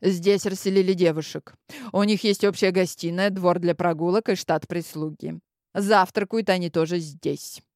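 A woman's voice: on the low side, steady tone, moderate pace, darkish tone, no echo, close to an everyday voice. Audiobook role: female reader as a restrained, weary lady of the court, formal, dry close recording. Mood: sullen formal. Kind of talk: audiobook character voice.

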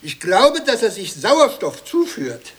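An actor playing a pompous presenter in an absurdist comic drama, speaking in a formal, lecturing manner. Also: male voice, sits high, huge pitch swings, slow pace, husky, exaggerated voice. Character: pompous male presenter of absurd learned characters.

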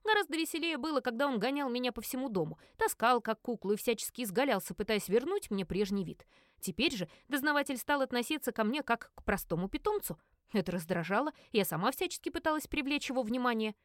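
A woman narrating an audiobook in the first person, wry and expressive. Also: on the high side, quick pace, no echo, studio quality.

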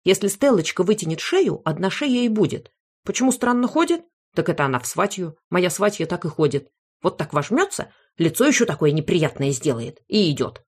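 A woman voicing a fussy, loud old grandmother in an audiobook, who is indignant and blames everyone else. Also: lowish voice, sing-song, brisk, breathy edge. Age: older. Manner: indignant, bossy, blames others. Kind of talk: audiobook character voice.

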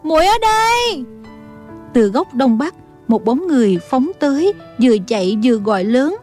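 A woman narrates an audiobook in a steady storytelling manner, her voice sitting slightly high. Soft music plays faintly beneath her. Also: moderate pace.

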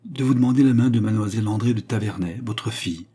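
An earnest young nobleman speaks with ceremonious formality, as a man reads him. The voice is dark and mellow with a husky grain. He stays measured and correct. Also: fairly low pitch, steady tone, lightly acted.

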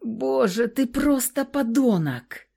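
A woman's voice: a little high, animated, slow, gravelly, dark tone, slightly rough, voice pushed up, exaggerated voice. A woman voicing a frightened young wife in an audiobook, speaking in a trembling, pleading way. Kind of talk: audiobook character reading.

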